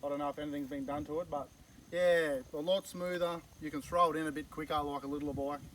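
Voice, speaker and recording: A man's voice: on the high side, fairly even intonation, fast, a bit bright, a little hiss or hum, low-quality recording. A young man giving short, plain answers in a casual outdoor interview. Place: outdoors in the countryside.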